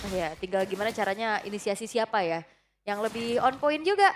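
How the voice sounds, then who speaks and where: A woman's voice: medium pitch, expressive, brisk, heavy background noise. A woman with an Indonesian accent commentating live on an esports match. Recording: music behind the voice. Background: music.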